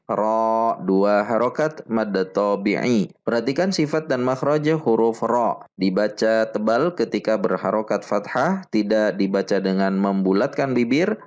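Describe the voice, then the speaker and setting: A man teaching Quran recitation rules step by step, slowly repeating each syllable for drill. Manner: chants the Arabic verses in a higher, fuller voice. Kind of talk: slow step-by-step tajwid lesson.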